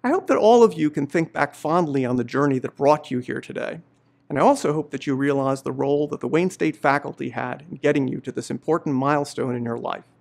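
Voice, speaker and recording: Middle-aged male professor, gravelly and a bit high, earnest measured address. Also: darkish tone. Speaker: law professor giving faculty greetings. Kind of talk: formal commencement address. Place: indoor studio before a university banner.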